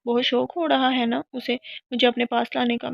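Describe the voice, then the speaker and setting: A woman's voice: a little high, steady tone, no room sound, close to an everyday voice. A woman voicing a defiant young captive woman who talks back in an indignant, sarcastic way. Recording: dull lo-fi sound.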